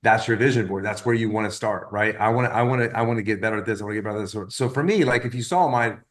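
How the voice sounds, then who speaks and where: A man in his fifties giving casual motivational coaching, rambling and often repeating words as he tells lively stories. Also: fairly low pitch, very fast. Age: 50s. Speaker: wellness business coach.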